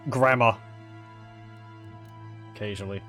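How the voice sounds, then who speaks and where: A man giving casual, halting gameplay commentary, thinking aloud as he chats with his viewers. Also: on the low side, steady tone, pushed and bright. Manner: musing aloud, chuckling, halting. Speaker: video game streamer. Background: game music.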